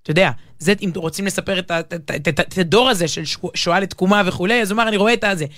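A woman's voice: lowish voice, a bit bright, dry recording, clean studio sound. A woman with an Israeli accent co-hosting a casual talk show, speaking emphatically and often breaking off to rephrase mid-sentence. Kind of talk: casual animated conversation.

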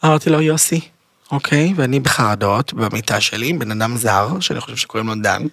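A man as a podcast guest, telling a personal story in a lively, dramatic way, jumping between loud and hushed. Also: medium pitch, creaky.

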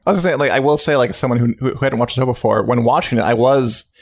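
A man talks quickly as a podcast host, his voice gravelly. He chats casually with his co-hosts. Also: mid-range voice. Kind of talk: casual chat.

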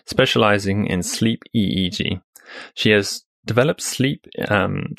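A man hosting a podcast, introducing a guest and asking questions in a casual, halting way with restarts. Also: fairly low pitch, gravelly, fairly bright tone, dry recording, clean studio sound. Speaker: podcast host. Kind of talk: podcast interview.

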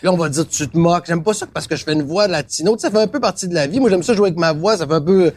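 A man in casual chat, rambling and halting, with many restarts. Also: sits high, slight background noise. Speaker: comedian guest.

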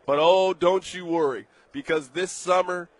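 A man's voice: high voice, unhurried, dry recording. A young man hosting a sports betting talk show, emphatic and playful as he riffs on hypothetical scenarios.

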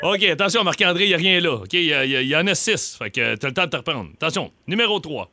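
Man, Québécois accent, radio co-host, jokey banter, animated pitch, dry booth. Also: dry recording. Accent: Québécois French. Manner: excitable, jokey, quick back-and-forth. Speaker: radio co-host running a guessing game. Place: radio studio.

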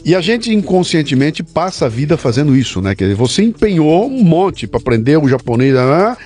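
Fast-talking male podcast host. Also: a little high, very animated, a little mellow, soft background music. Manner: fast, reflective, uses fillers and repeats words. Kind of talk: conversational interview.

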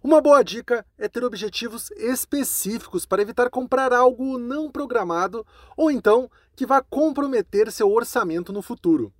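A Brazilian man presenting a scripted news roundup in a clear, conversational newsreading manner. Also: extremely high pitch, lively intonation, moderate pace, hardly any pauses, no room sound, clean studio sound.

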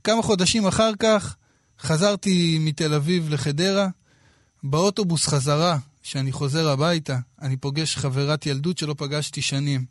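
A man in his thirties from Israel, telling a personal story in a casual, lively way with quoted dialogue. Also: fairly high pitch, dry recording, clean studio sound. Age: 30s.

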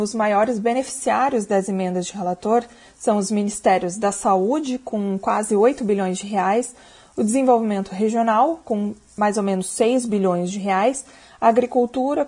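A woman with a Brazilian accent reading a scripted radio news report in a measured, deliberate way. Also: mid-range voice, dark tone, husky.

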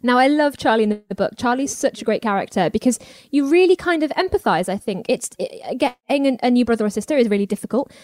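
A woman with a fairly high, animated, slightly mellow voice talks fast while interviewing an author. Her questions come across chatty and upbeat, and she laughs along, with no room sound on the recording.

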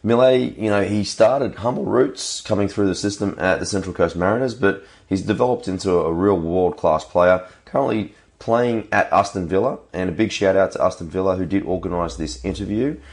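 An Australian man hosting a podcast in a casual way, his voice croaky from a cold. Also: deep voice, normal speed, hardly any pauses, a little mellow. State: has a cold. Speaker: podcast host. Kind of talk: casual podcast introduction and interviewing.

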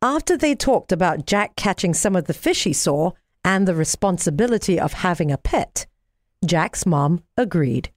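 A woman reading a bedtime story to young children as an expressive sleep story narrator. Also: lowish voice, moderate pace, dry recording, clean studio sound. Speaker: story reader.

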